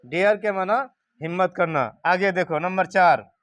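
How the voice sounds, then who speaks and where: Slow, high-voiced man teaching class. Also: fairly bright tone. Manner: call-and-response drilling, repeats questions to the class. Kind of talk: classroom grammar lesson.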